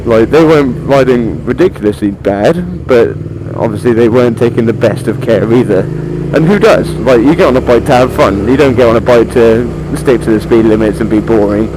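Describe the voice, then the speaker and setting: A man's voice: medium pitch, normal speed, hardly any pauses. A man with a British accent chats casually and rambles informally to viewers from inside a helmet while riding a motorbike, with some mild swearing. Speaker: motorcycle vlogger. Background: motorcycle and vehicle noise.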